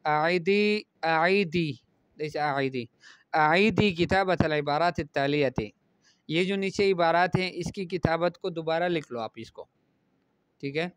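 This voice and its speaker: A man's voice: on the high side, pauses often, fairly bright tone, clear, resonant tone, dry recording. A man teaching a lesson, reading Arabic phrases aloud and explaining each one. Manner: reads Arabic phrases then explains them. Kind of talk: classroom lesson explaining Arabic pronunciation in Urdu.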